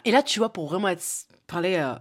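A woman's voice: on the low side, expressive, brisk. A young woman with a Toulouse accent, telling a spontaneous story on her podcast and talking straight to the listener. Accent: Toulouse, southern French. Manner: spontaneous, chatty, addresses listener directly, many fillers. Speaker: podcast host. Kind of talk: casual solo podcast storytelling.

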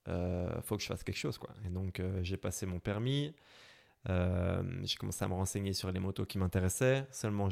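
Low gravelly man with Brussels accent. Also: darkish tone. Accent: Brussels French. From Belgium. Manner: hesitant, many fillers and restarts. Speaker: interviewee, motorcycle traveler. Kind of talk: casual interview.

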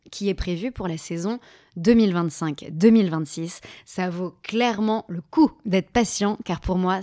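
A woman's voice: on the low side, darkish tone, dry recording. Chatty woman podcast host, dry close mic. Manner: chatty and enthusiastic, sharing recommendations. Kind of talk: casual podcast monologue.

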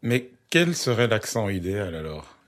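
A man hosting a conversation, telling a story in a measured, hesitant way. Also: lowish voice, big pitch swings, fairly bright tone, a little hiss or hum.

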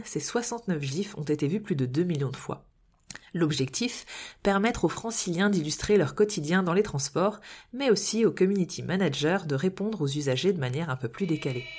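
A woman's voice: low-pitched, husky. A woman hosting a podcast, reading a scripted explainer with wry, playful asides. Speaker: podcast host.

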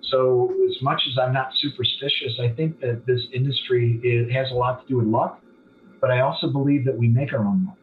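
Guest casting: plain-talking man in his forties, mid-pitched, self-deprecating, thin distant phone-like line. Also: brisk, a little hiss or hum. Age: 40s. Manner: blunt, self-deprecating, animated when emphatic. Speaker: business owner, podcast guest. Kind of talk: candid conversational storytelling.

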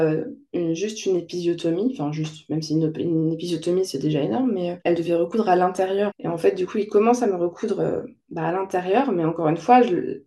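A young woman frankly recounting her childbirth experience as a personal testimony, halting often and restarting her sentences. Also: lowish voice, mellow. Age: young adult. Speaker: mother sharing her birth story.

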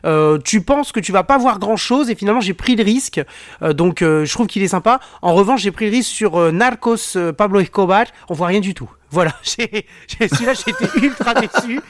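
A man's voice: high voice, expressive, fairly quick, no echo, studio quality. A man hosting a podcast in casual chat, rambling with many fillers and restarts. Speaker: podcast host.

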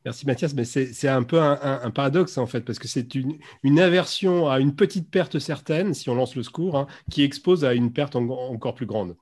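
A man's voice: medium pitch, normal speed, hardly any pauses, darkish tone, slightly rough. A man hosting a live interview, introducing and questioning guests in a hesitant way, often repeating words as he goes. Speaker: live show host and interviewer.

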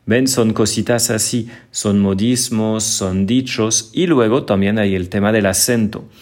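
A man's voice: lowish voice, a little slow, a little mellow. French-accented man teaching in a podcast. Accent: northern French. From northern France. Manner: explanatory, repeats words while searching for them. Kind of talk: solo podcast answering listener questions.

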